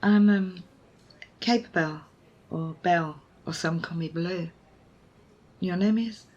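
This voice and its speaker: Taking it slowly, she speaks at a fairly low pitch with a darkish tone and the highs cut off. The role is a wry young rescuer in intimate ASMR, evasive and hesitant with a sardonic edge, and the feeling is awkward but comforting. Noisy background ambience sits behind her close voice.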